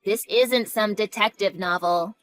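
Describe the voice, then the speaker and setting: A woman's voice: mid-range voice, a little slow, a bit bright, no echo, faint music behind, natural voice. A woman voicing a flippant, defensive younger sister who talks in a snarky, dismissive way, in a narrated drama story. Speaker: sister of the main character.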